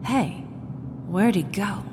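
A woman's voice: medium pitch, animated, slow. A woman playing a practical, puzzled sidekick in an old-time radio mystery. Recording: noisy, reverberant hall sound.

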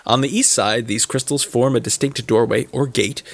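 A man narrating as game master, halting often with ums and uhs as he describes scenes. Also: mid-range voice, steady tone, gravelly. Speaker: dungeon master.

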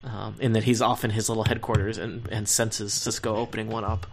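A man's voice: lowish voice, level tone, fairly quick, a crowd in the background. A man co-hosting a television review podcast, rambling and correcting himself with a wry tone. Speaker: podcast co-host. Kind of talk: casual review chat.

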